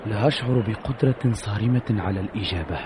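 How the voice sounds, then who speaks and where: An actor in an old Arabic radio drama playing a brooding, deferential officer with a solemn, formal delivery. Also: male voice, on the low side, fast, darkish tone, a little hiss or hum, close to an everyday voice. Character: brooding, deferential male officer, thoughtful companion to commander.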